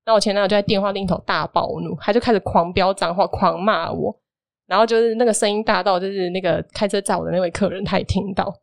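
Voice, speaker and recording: Fast-talking woman telling a story. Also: mid-range voice, gravelly, no room sound. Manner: lively storytelling, animated retelling of dialogue. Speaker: guest telling a personal story. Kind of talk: casual podcast chat.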